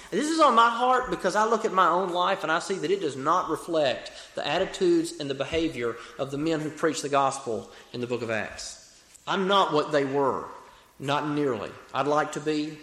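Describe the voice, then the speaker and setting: A man's voice: a little high, a bit bright. A young man with an Alabama Southern accent preaches a sermon in an earnest, folksy manner, repeating phrases for emphasis. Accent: Alabama Southern American. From Alabama, United States. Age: young adult. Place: reverberant room, preaching to a congregation. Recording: echoey hall with long reverb.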